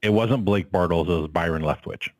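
Low-voiced man checking sports stats. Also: a little fast, darkish tone, no echo. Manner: profane, checks facts aloud. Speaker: podcast co-host. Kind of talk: casual sports chat.

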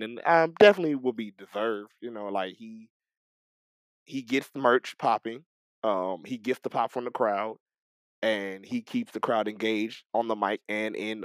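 A man's voice: fairly low pitch, no room sound. A man co-hosting a podcast in casual chat, talking animatedly with frequent stumbles, restarts and repeated words. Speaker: podcast co-host. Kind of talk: casual wrestling talk.

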